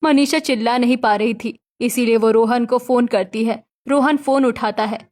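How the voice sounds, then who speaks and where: A woman narrating a cartoon story in a steady, plain way. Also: a little high, normal speed.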